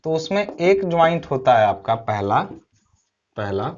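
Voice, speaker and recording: A man's voice: a little high, big pitch swings, a little slow, dull audio, slight background noise. A man teaching a recorded online lecture, explaining step by step, asking his own questions and answering them, and often checking in with short tag phrases. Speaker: civil engineering teacher.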